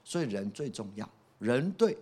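A man's voice: mid-range voice, sing-song, normal speed, warm tone. A male pastor preaching a sermon in an emphatic way, often asking his listeners rhetorical questions.

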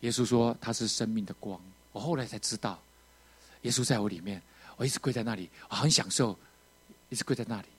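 A man preaching a testimony, telling his story with strong feeling, rising to loud outbursts and dropping to quiet moments. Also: fairly low pitch, fast, husky. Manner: emotional, animated storytelling with sudden loud outbursts and quiet drops. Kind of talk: sermon testimony.

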